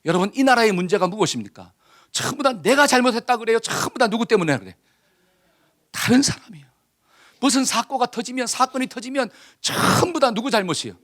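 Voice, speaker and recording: Animated high-voiced Korean pastor preaching. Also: male voice. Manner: lively, conversational preaching with acted-out quotes and questions to the congregation. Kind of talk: sermon.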